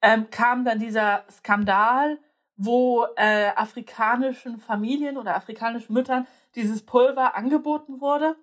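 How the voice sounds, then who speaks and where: Chatty young woman, slightly high voice. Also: steady tone, normal speed. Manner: hesitant, many fillers and restarts. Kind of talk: casual chat.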